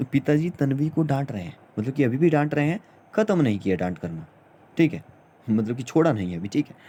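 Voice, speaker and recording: A man teaching a grammar lesson in an informal manner, repeating himself and often pausing on fillers. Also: medium pitch, dark tone.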